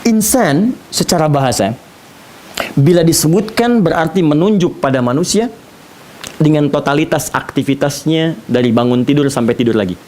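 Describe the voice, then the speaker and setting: A man preaching an animated sermon lecture, using playful asides for the audience. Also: a little high, moderate pace. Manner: animated, playful imitations of foreign speakers. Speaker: Islamic preacher. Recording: faint hiss.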